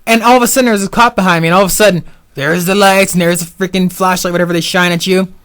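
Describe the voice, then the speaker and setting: High male voice, excitable rambling podcast co-host. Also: very fast, no echo, clean studio sound. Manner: excitable, rambling with lots of fillers. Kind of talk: casual chat, storytelling.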